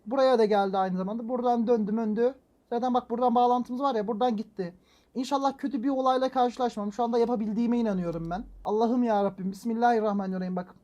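A man hosting a gaming channel, commenting on his own play as he goes, muttering to himself and breaking into loud frustrated exclamations and mild swearing. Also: very high voice. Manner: talks to himself while playing, excitable, frequent exclamations and mild swearing; swings between calm muttering and loud frustrated outbursts. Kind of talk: let's-play gameplay commentary.

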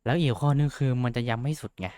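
In clean studio sound with no echo, a young man delivers a casual screen-share tutorial as a VTuber host. His mid-range voice is darkish and steady in tone, and his delivery is rapid-fire, rambling, self-deprecating, and full of fillers.

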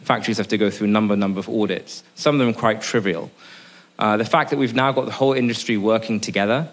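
Man, forties, from Sri Lanka, lowish voice, conference talk, lectern mic, many fillers. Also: steady tone, fast talker. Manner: earnest, many restarts and fillers; gestures at a lectern. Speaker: business executive speaking at a panel. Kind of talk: conference speech. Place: conference room, indoors. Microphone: lectern microphone.

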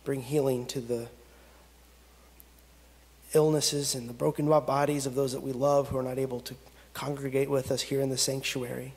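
A man in his thirties, a pastor, leading a pastoral prayer and reading scripture from the pulpit in slow, measured phrases with long pauses. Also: medium pitch, flat delivery, a little mellow. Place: church sanctuary at a pulpit. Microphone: pulpit gooseneck microphone. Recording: long reverb of a church sanctuary.

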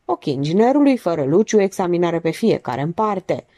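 A woman narrating an audiobook with expressive, measured storytelling. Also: fairly low pitch. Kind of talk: audiobook reading.

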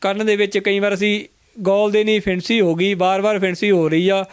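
A man, an herbal remedy practitioner, explaining home cures in a health interview and acting out his patients' words in an animated way. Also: high-pitched, fairly quick, a crowd in the background.

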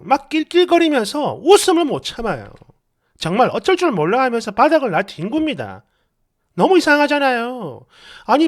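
A woman reading a dramatized online story in an exasperated, gossipy manner. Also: high voice. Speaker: story narrator.

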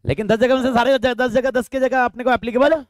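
A man's voice: very high voice, fairly even intonation, fast talker, no room sound, studio quality. A man teaching law in a live online lecture, asking his students questions and answering them himself, mixing Hindi and English.

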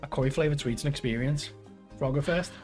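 A man's voice: fairly high pitch, a little fast, a little mellow, soft background music. A man in his thirties in a casual, sweary challenge chat, talking while eating gross jelly beans. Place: small living room at home, indoors.

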